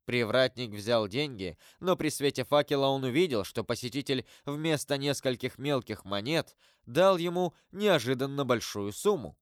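A man narrating an audiobook in a steady, measured reading voice. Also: mid-range voice, no room sound, clean studio sound. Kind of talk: scripted narration.

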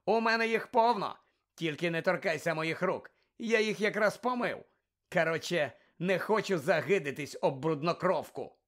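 A man's voice: on the high side, moderate pace, a bit bright, natural voice. Man doing a sneering schoolboy bully. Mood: mocking. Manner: mocking, taunting. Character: sneering spoiled teenage boy wizard bully. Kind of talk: audiobook character voice.

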